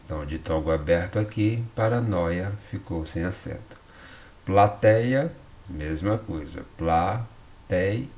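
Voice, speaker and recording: A man's voice: deep voice, lively intonation, unhurried, a little mellow. A man with a Brazilian Portuguese accent giving a recorded school lesson, explaining patiently and often checking in with tag questions. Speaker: teacher.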